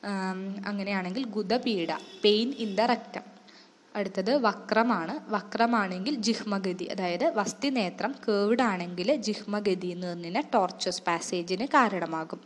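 A woman's voice: medium pitch, in a large hall. A young woman giving an exam-focused lecture, explaining each term step by step with English glosses. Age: young adult. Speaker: student tutor.

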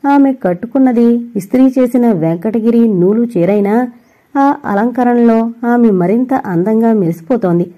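A woman narrating an audio novel in a steady, scripted storytelling reading. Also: a little high, a little slow.

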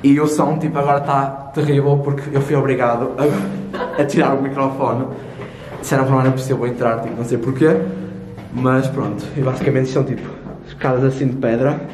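Fairly quick and steady in tone, with a medium pitch, a twenty-something vlogger with a European Portuguese accent chats casually to a camera held at arm's length. Touring a city's streets, a stone cathedral and a big store, he rambles and uses plenty of fillers, with city street noise in the background.

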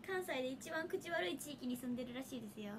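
A woman's voice: high voice, expressive, quick pace, noisy background. A young woman with a Hiroshima accent chatting casually on a livestream, reading viewer comments and laughing often. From Hiroshima, Japan. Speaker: idol livestreamer.

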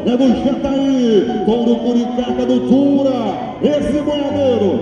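Hyped brazilian rodeo announcer guy, super high shouty voice, drags words out, booming echo over the arena. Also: fairly even intonation, distant mic, dull audio. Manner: hyped, shouted rodeo calls with drawn-out words and repeated chants. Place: outdoor rodeo arena at night, over loudspeakers. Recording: echoey outdoor arena PA, music and crowd.

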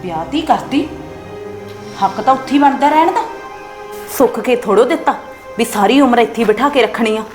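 Spiteful, combative young wife, played by a woman; sharp delivery, a bit high, echoey room with soft music. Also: animated, brisk, long pauses, lightly acted. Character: spiteful young wife, jealous of her sister-in-law. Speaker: actor in a short film. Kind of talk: melodramatic short-film acting.

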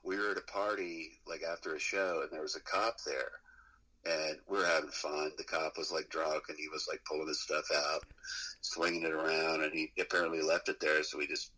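Middle-aged man, very low voice, bright tone, husky, profane rambling storyteller. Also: level tone, a little fast, poor audio. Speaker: musician guest. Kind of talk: casual storytelling interview.

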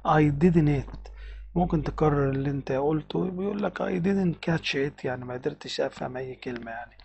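A man with an Egyptian Arabic accent teaching English vocabulary, reading English words slowly and explaining them quickly. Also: on the high side, vocal fry, darkish tone.

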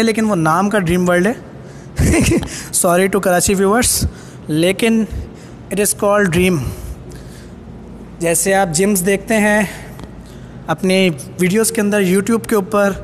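Young man, fitness vlogger, enthusiastic, handheld phone, reverberant gym, faint background noise. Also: high voice. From Pakistan. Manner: excited, enthusiastic, mixing in English phrases. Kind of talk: walking gym tour vlog. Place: large indoor gym. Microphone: handheld phone camera. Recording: long hall reverb, faint ambience.

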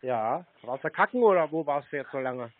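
A scambaiting prank caller and show host makes a teasing phone call, mocking and crude, tossing out cheeky pet names. His voice is on the high side, brisk, with lively intonation and no echo. The recording is a dry, band-limited phone call.

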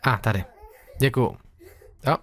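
A man's voice: medium pitch, fairly bright tone. A young man playing a horror game and talking to himself in nervous, joking commentary. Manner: talks to himself, jittery, joking. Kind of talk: nervous let's-play commentary.

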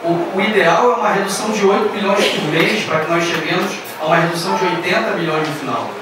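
A man in his thirties giving a forceful political speech from a podium in a large council chamber, at times raising his voice. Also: sits high, fast talker, recorded from a distance, heavy background noise. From Brazil. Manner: forceful, emphatic oratory with raised passages. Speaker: city councillor. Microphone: podium microphone on a stand. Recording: echoey hall, voice heard from afar.

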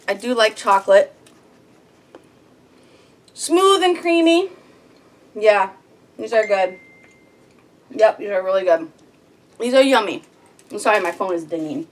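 Chatty woman vlogging at home. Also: mid-range voice. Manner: chatty, rambling, many ums. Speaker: homestead vlogger. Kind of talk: casual chat to camera. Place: small home sitting room.

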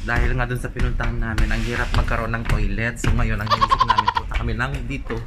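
A man's voice: medium pitch, little pitch movement, very fast, over loud music. A man from the Philippines, vlogging casually through a face mask, chatting to his viewers and laughing between phrases. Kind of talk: casual vlog narration to viewers. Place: inside a busy fast-food restaurant. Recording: echoey room with loud background noise.

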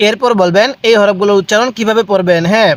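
A man with a high voice teaches Quran reading, spelling out each letter and vowel and pausing for the learner to repeat. The sound is dry and close, with no room around it. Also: fairly even intonation, dry recording. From Bangladesh. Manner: drills letter sounds slowly, then urges viewers in quick asides. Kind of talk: recitation lesson, spelling out letters.

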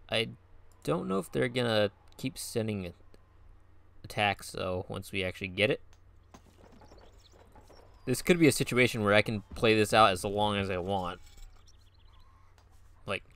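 A man's voice: fairly low pitch, fairly bright tone. A man hosting a gaming video, giving casual, playful commentary as he thinks aloud while playing a strategy game. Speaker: gaming channel host.

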